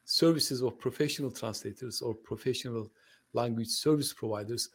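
A slightly rough male voice of medium pitch, speaking at a moderate pace. Born in Turkey and a native Turkish speaker, he is a UK-based translation company owner talking as a podcast guest; the conversational interview finds him friendly and hesitant, with plenty of fillers and restarts.

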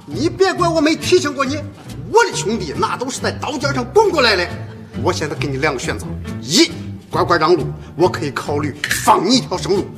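A man's voice: high-pitched, lively intonation, a little fast, music in the background. An actor playing a sly male mountain bandit who poses as a waiter, speaking, wheedling one moment and menacing the next. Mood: threatening. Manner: wheedling, then swaggering and menacing. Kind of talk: sitcom acting.

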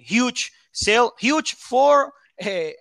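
High, bright-voiced man. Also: animated, dry recording. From Ecuador. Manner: halting, searches for English words. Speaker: football pundit guest. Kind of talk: interview.

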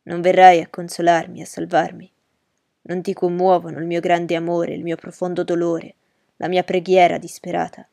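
Brooding anguished gentleman for a radio drama, played by a man; gravelly, monotone delivery, dry booth. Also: sits high, normal speed, no echo. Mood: desperate. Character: brooding anguished gentleman pleading with his love. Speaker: Mr Rochester.

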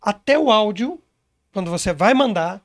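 High voiced guy, sales consultant, emphatic, explains everything w examples, super dry sound. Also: animated, moderate pace, no echo. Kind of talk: casual interview talk.

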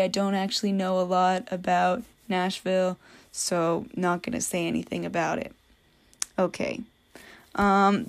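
A woman's voice: mid-range voice, vocal fry, darkish tone. Young woman, from New England, chatty podcast host, joking asides. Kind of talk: casual solo podcast.

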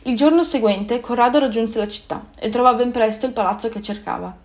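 A woman narrating a story in a calm, even storytelling manner. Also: fairly high pitch, fairly quick. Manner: calm, even storytelling with small self-corrections.

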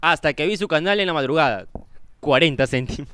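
A young man with a Peruvian Spanish accent, trading crude jokes on a homemade podcast. His voice sits high and bright and leaps around as he reads names in a mock-grand tone. The sound is dry and close. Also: no room sound. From Peru. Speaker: podcast co-host reading donations. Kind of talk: casual comic banter. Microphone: phone.

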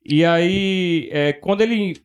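A man's voice: high voice, slow pace, smooth. A man talking through a point in casual podcast chat, in long connected sentences.

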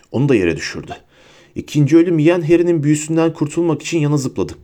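A man narrating a fantasy audiobook in a lively storytelling manner. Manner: lively storytelling, pitches up for characters' shouts.

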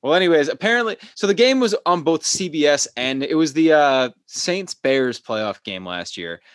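A man co-hosting a casual sports podcast, talking in an animated, chatty way with lots of fillers. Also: fairly high pitch, normal speed, dry recording. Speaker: podcast co-host.

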